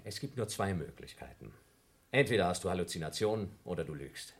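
A man's voice: deep voice, animated, fairly quick, gravelly. A man playing a coldly logical, paranoid scientist. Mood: cold accusing. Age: younger than Mills. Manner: coldly logical, accusing, rising to shouts. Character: Blob, paranoid scientist man feuding with crewmate. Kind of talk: German radio play acting.

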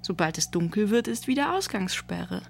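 A woman voicing a dry, sarcastic young sister who speaks in short, clipped lines with a gravelly edge. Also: medium pitch, big pitch swings, normal speed, slight background noise.

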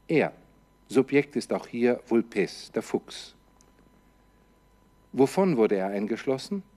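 Slow, methodical male Latin teacher. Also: medium pitch, a little mellow. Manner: methodical, poses questions and answers them; parses grammar line by line. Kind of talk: slow step-by-step translation lesson.

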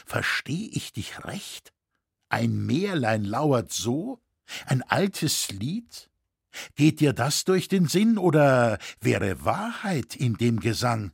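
A man voicing a grieving cathedral master mason in a storybook reading, heavy and subdued, with a husky, slow delivery. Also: medium pitch, very animated, a little mellow, no room sound, clean studio sound, heavily acted. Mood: shaken.

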